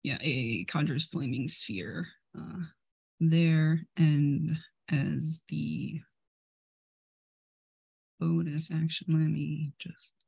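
A woman chatting casually as a tabletop game player, halting as she thinks aloud. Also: sits low, creaky, mellow, breathy edge, no echo.

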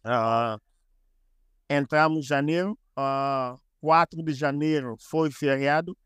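A man chatting as a podcast guest, explaining things deliberately and repeating phrases. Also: a little high, fairly bright tone, clear, resonant tone, no room sound, studio quality. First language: Portuguese. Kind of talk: casual explanatory chat.

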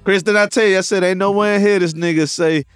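A man co-hosting a podcast in relaxed, profane chat, laughing often. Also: high-pitched, fast talker, clean tone, no echo, soft background music. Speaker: podcast host.

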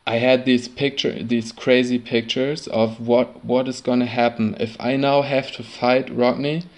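A man telling a personal sailing story in a halting way, often repeating and restarting words. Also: medium pitch, level tone, a little mellow. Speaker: sailor recounting a trip.

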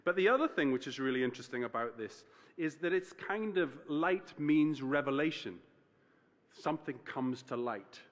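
Male preacher, mid-pitched, casual and self-correcting, heard in a reverberant church. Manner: conversational, self-correcting, explains scripture plainly. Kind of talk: sermon.

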